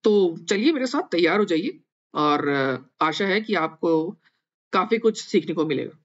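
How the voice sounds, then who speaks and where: A man's voice: high-pitched, animated, a bit bright, dull audio. Patient male language teacher. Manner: patient, repeats sounds slowly with fillers. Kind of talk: explaining a lesson.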